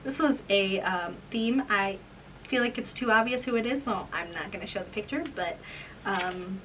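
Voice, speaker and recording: A woman's voice: medium pitch, moderate pace, fairly bright tone. A woman in her twenties chatting casually in a vlog, embarrassed and self-mocking as she reads her old writing aloud. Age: 20s. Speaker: vlogger. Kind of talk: casual vlog chat, reading old diaries. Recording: distant mic with room noise.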